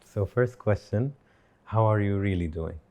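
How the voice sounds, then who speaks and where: A man hosting an interview, asking questions calmly and gently. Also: on the low side, measured pace. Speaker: host.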